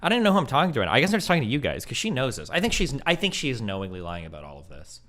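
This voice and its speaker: A man's voice: mid-range voice, wildly swooping pitch, rapid-fire, a bit bright, a little hiss or hum. A man streaming live, reacting to a video with exasperated, profane ranting commentary. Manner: ranting, exasperated, swears a lot.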